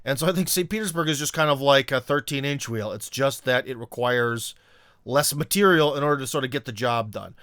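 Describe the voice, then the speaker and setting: A man's voice: mid-range voice, brisk, a bit bright, clear, resonant tone, no echo, studio quality. A man from Ohio, talking off the cuff in a casual, rambling vlog with lots of fillers and restarts. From Ohio, USA. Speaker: vlogger. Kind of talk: casual unscripted monologue.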